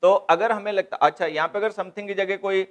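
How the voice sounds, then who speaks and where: A man teaching grammar in a slightly high voice. He breaks each rule down patiently and circles back to the main points. He lectures in the tone of a classroom. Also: steady tone, a little fast, a bit bright. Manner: explains step by step, repeats key points, mixes English terms into Hindi.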